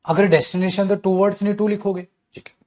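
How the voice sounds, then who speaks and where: A man's voice: high voice, fairly even intonation, fast talker, mellow. A man teaching an English grammar class online, scolding and teasing his students as he explains.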